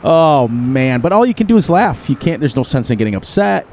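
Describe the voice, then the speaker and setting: Here the host speaks a bit fast at medium pitch, his darkish voice swinging widely in pitch over slight background noise. Sniffling from a runny nose, he laughs frequently and jokes around while casually narrating his farming game.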